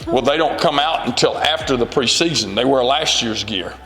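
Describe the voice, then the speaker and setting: A man's voice: mid-range voice, expressive, moderate pace, a bit bright. Earnest man coach in his forties, echoey. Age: 40s. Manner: earnest, rambling with many fillers. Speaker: high school football coach. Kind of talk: casual interview answers.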